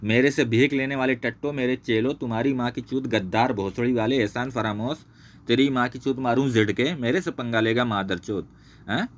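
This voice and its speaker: A man's voice: mid-range voice, moderate pace. A man ranting angrily, swearing constantly and repeating himself while pointing things out on screen. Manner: angry, heavily profane, repetitive. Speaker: channel host exposing a former associate. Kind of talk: screen-share rant.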